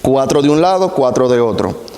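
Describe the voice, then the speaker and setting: A man preaching a sermon, explaining scripture slowly and deliberately with rhetorical questions. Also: medium pitch, lively intonation, mellow, a little hiss or hum. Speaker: pastor. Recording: roomy echo with long hall reverb.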